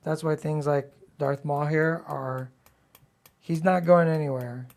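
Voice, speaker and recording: A woman with a gravelly, slightly worn-out voice, hosting a livestream in casual, blunt, playfully sassy hobby chat. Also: deep voice, fairly even intonation, slow pace, a little mellow. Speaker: livestream host.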